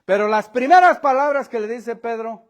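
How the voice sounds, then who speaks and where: A high-voiced man preaching a sermon. He swings from quiet, low asides to loud, raised lines and acts out the voices of the people in the story. He laughs between points and keeps calling his listeners brother. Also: normal speed, dull audio. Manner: preaching with dramatic shifts in pitch and volume, acting out voices. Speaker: pastor. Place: church.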